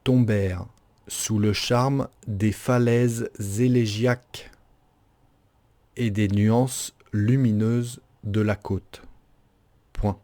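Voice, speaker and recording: A man's voice: fairly low pitch, steady tone, drawn-out words, pauses often, dark tone. A man dictating as a teacher does, phrase by phrase, carefully articulated, with punctuation spoken aloud and each sentence repeated.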